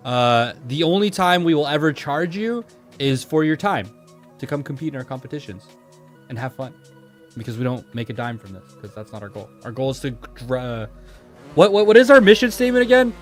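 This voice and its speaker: A man hosting a sim racing drift competition livestream, chatting casually and switching into excited play-by-play commentary, with faint music behind him. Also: medium pitch, normal speed. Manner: chatty, laid-back, bursts into hype play-by-play.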